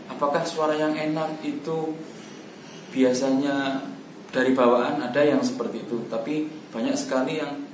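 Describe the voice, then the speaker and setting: A man teaching Quran recitation, explaining in a patient instructional way. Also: mid-range voice. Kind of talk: instructional talk. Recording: roomy echo, distant mic, faint background noise.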